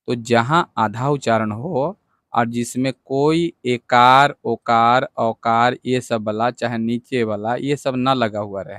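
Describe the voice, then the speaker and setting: Slow, patient male teacher. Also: medium pitch, dry recording, studio quality. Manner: patient, repeats each point with check-ins. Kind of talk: whiteboard lesson.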